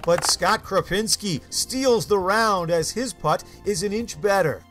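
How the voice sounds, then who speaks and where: A man's voice: high voice, unhurried, music in the background. A man narrating a golf competition show as a commentator, in scripted sports narration.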